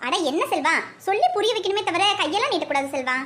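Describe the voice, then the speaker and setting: A woman voicing a gruff, impatient working husband in a cartoon, with a Kanyakumari Tamil accent, barking orders. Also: very high voice, animated, quick pace, fairly bright tone, slight background noise. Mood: calm.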